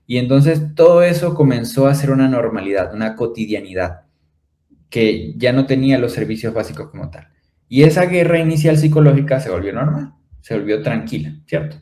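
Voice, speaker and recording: A man from Maracaibo, Venezuela, with a Venezuelan accent and a mid-range, expressive, mellow voice, speaks briskly on a spiritual talk show. His earnest, explanatory talk is full of rhetorical questions to listeners, punctuated by repeated tag phrases.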